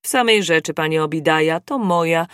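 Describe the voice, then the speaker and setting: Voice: medium pitch, brisk, fairly bright tone, smooth, dry recording, clean studio sound, lightly acted. A reader voicing a pompous male court clerk in an audiobook, drawing out formal phrases.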